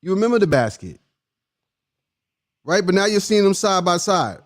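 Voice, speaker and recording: Guy live streaming, high voice that jumps all over, teasing chat, laughs a lot, goes loud then hushed. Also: big pitch swings, moderate pace. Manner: playful, teasing, questioning the audience.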